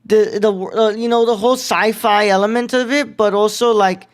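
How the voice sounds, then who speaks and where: A man's voice: sits high, steady tone, normal speed. A young man hosting a casual film review podcast, talking in a loose, rambling way. He uses lots of fillers and casual slang while he works through his thoughts. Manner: rambling, many fillers, says bro and what's it called. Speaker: podcast host.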